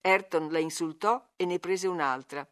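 A woman narrating a classic novel aloud in a measured, calm storytelling voice. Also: lowish voice. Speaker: audiobook narrator. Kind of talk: literary audiobook reading.

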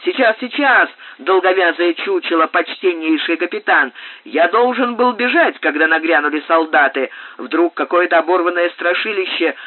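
A man reading an audiobook, voicing a rough old captain who tells a rambling story in a loud, excited way. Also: high-pitched, normal speed, voice pushed up. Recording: dry, tinny phone-like sound.

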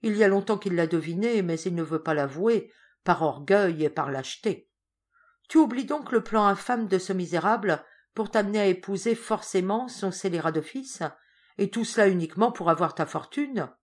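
A woman reading aloud and voicing a brisk, imperious older governess who talks in a commanding, indignant way. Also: medium pitch, expressive, voice pushed up, close to an everyday voice.

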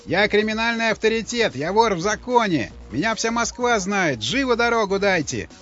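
Brief: swaggering gangster shouting his status, as a male narrator plays him, muffled sound, faint music. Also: high voice, big pitch swings, normal speed, voice pushed up. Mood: boastful. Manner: bragging, demanding. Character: boastful male crime boss.

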